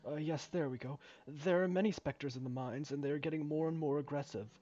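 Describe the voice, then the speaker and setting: A man voicing a hesitant, polite male mine overseer in a video game, halting and rambling with many uhs. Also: a little high, dark tone, natural voice. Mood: explaining. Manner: halting, full of uhs and fumbling restarts. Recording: dull lo-fi recording.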